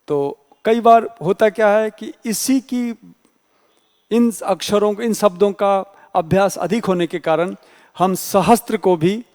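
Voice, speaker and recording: A man's voice: sits high, darkish tone, big-room sound. A male teacher giving an exam-prep grammar lecture, explaining patiently and spelling out letters one by one.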